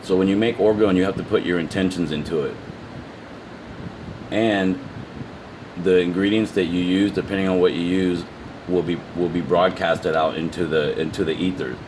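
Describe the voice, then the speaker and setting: An amateur video presenter with a very low voice explains something casually to his viewers, unscripted. He goes haltingly, restarting and repeating words. A faint, steady noise runs underneath.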